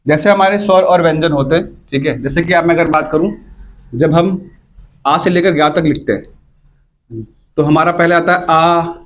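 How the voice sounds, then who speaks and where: A man teaching English grammar speaks at a moderate pace with a fairly high pitch and long pauses. His step-by-step explanation is punctuated by frequent checks on whether the students understand, and he repeats points.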